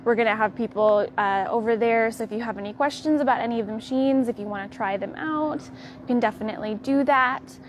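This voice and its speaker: A young American woman on a quilt shop's staff hosts a live tour of the fabric store, strolling the aisles and showing products in a friendly, unhurried manner. Her voice is fairly high, with a little hiss or hum in the audio.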